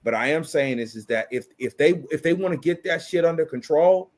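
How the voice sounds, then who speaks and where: A man's voice: fairly high pitch, animated, brisk, darkish tone. A man in his thirties delivering an impassioned opinion rant, blunt and profane, repeating phrases for emphasis.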